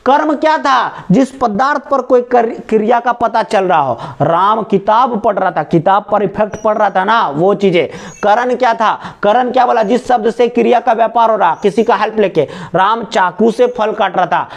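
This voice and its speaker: A man's voice: high voice, moderate pace, creaky. A man teaching a grammar lesson to a class. He repeats his examples and keeps asking whether the students understand.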